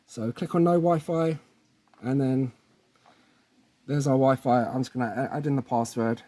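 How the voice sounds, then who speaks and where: With a steady, warm mid-range voice at a moderate pace, the presenter guides viewers through a casual hands-on tech installation tutorial, keeping it informal and checking in with them often.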